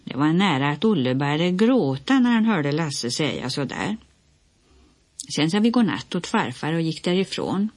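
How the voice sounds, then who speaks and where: A woman reading a children's book aloud in a gentle storytelling manner. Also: sits low, very animated, no echo. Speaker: audiobook reader.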